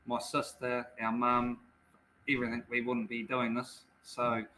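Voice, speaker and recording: A man with a New Zealand accent chatting informally as a guest, in a halting, repetitive way. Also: mid-range voice, monotone, pushed and bright, slight background noise, poor audio. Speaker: speedway racer, show guest. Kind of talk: casual chat.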